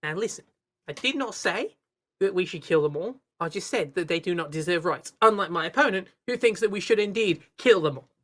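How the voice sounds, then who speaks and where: A woman's voice: fairly low pitch, expressive, brisk. A woman putting on a pompous, self-justifying male president giving a stiff, mock-formal political speech. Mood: smug, defensive.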